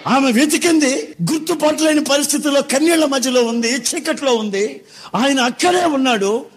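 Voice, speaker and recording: A man preaching a sermon with fervor, swinging between hushed lines and loud bursts. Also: extremely high pitch, moderate pace. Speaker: pastor.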